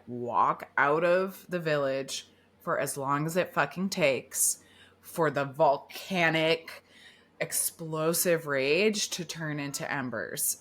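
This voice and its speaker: A woman hosting a podcast in casual chat, candid and expressive, who swears freely. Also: deep voice. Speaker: podcast host.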